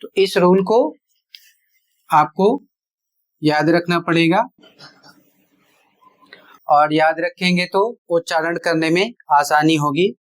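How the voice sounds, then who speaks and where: A teacher giving an online pronunciation lesson, explaining each rule deliberately and repeating examples step by step. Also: medium pitch, steady tone.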